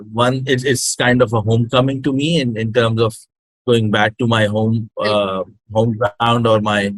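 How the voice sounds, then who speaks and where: His voice is on the low side and a bit bright as he hesitantly answers in an interview, mixing English and Urdu with a Pakistani accent. Born in Hyderabad and raised in Karachi, he is a startup incubator project director, heard through a dry, low-quality recording.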